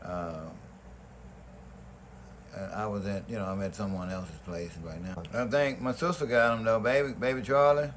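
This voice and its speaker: A man's voice: on the low side, fairly even intonation, moderate pace, a little hiss or hum. A middle-aged man from Louisiana, chatting on a phone call in a laid-back way and repeating words as he starts his thoughts. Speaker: brother of the deceased. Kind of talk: casual phone conversation.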